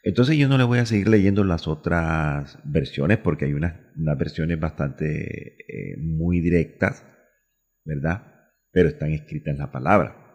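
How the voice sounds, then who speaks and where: A man from Colombia delivers a radio sermon in a very low, husky voice. He asks questions aloud and answers them himself, repeating key phrases for emphasis. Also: a little slow, a little mellow, in a large hall. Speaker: pastor.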